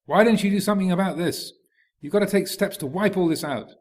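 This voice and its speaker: Brief: pushy ascetic, sharply raised and insistent, voiced by a monk narrator. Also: male voice, sits high, quick pace, darkish tone, pitched above the performer's own voice. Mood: urgent. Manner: insistent, urging. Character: stern ascetic urging violent action.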